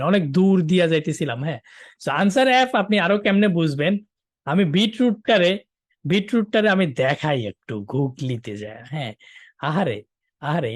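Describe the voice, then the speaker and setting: A male teacher gives an online exam-prep lesson, joking and animated and often checking in with his listeners. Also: a little high, no echo, studio quality.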